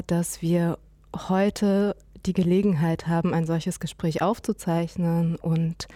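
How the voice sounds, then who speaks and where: Female moderator, low mellow voice, dry recording, thoughtful and hesitant delivery. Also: no room sound. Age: adult, mother. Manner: measured, hesitant with fillers. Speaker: host and interviewer. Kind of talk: moderated conversation.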